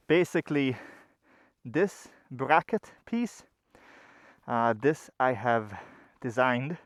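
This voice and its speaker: A man's voice: medium pitch, dry recording. A man vlogging casually from inside a motorcycle helmet, swearing often as he talks to viewers. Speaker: motovlogger. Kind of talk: casual motovlog talk to viewers. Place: outdoors on a motorbike and at the roadside.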